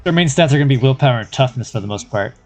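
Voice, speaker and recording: A man gives casual live gameplay commentary in an average-pitched voice. He talks hesitantly, thinking aloud as he goes, with game music playing softly behind him. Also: expressive, very fast. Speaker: game streamer.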